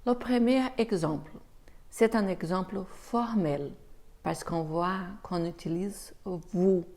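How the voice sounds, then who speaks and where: A woman teaching a beginner French lesson, speaking slowly and demonstrating pronunciation with care. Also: on the low side, warm tone. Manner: slow, careful pronunciation demos.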